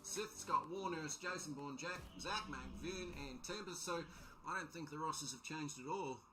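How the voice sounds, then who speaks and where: A man casting an esports match live, chatty and rambling with loud excited bursts. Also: a little high, normal speed, music in the background. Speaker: esports caster.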